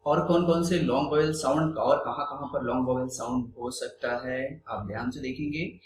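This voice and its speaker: A man teaching an English grammar lesson, reading out word lists slowly and explaining them in Hindi with English phrases. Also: mid-range voice. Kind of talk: classroom-style grammar lesson. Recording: roomy echo with faint hum.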